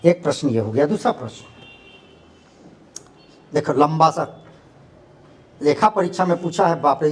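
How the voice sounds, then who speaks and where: High-pitched male classroom teacher. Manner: animated, rhetorical questions to students. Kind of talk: classroom lecture.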